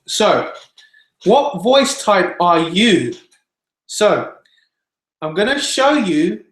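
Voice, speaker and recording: A man teaching singing in an online webinar, explaining patiently and demonstrating scales. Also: a little high. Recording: echoey room.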